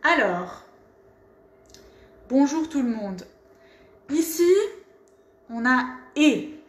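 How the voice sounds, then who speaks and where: Woman, teacher, slow careful pronunciation, echoey room. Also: high voice, expressive. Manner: slow, carefully articulated, repeating words. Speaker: French teacher. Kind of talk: pronunciation lesson.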